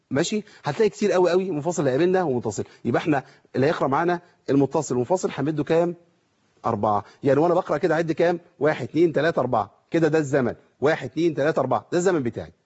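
Husky, fast-talking Egyptian teacher. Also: male voice, a little high, very animated, darkish tone, lo-fi sound. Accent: Egyptian Arabic. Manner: asks rhetorical questions, demonstrates pronunciation slowly. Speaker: Quran recitation teacher. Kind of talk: televised lesson.

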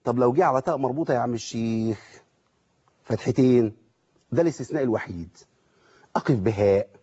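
A man's voice: mid-range voice, fairly quick, mellow, husky. A man with an Egyptian accent teaching Quran recitation rules. He keeps asking questions and answering them himself. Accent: Egyptian Arabic. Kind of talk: tajweed lesson with recited examples. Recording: dull lo-fi sound.

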